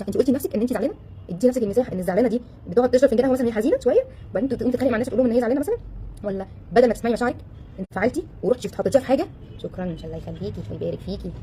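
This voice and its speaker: A relationship coach with an Egyptian Arabic accent addresses a live audience casually and with animation, firing off rhetorical questions and acting out the voices of people she quotes. Her voice is a little high and very fast, with slight background noise.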